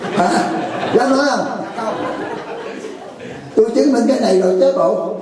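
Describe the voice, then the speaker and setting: Monk, folksy, echoey hall. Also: male voice, very high-pitched, a little slow, far from the mic, a crowd in the background. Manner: folksy, joking, asks the audience questions. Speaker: Buddhist teacher. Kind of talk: dharma talk to a retreat.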